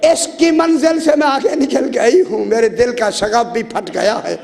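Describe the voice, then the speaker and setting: A man's voice: very high voice, unhurried, gravelly, darkish tone, heavily acted. A preacher voicing an aged, lovesick woman of legend. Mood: pleading. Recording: long hall reverb.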